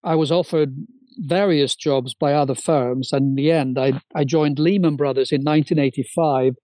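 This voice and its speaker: A Swedish-born man in his sixties shares his career story as a podcast guest, fluent and enthusiastic with small restarts. His high-leaning, mellow voice keeps fairly even intonation at a moderate pace. The recording has no echo but is rough.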